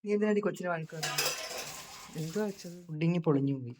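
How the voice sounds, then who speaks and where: A middle-aged woman talks through a sore, hoarse throat in a casual home vlog. Her voice sits low. She chats and calls loudly across the room to her daughter. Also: fast, noisy background. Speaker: home vlogger. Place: home, indoors.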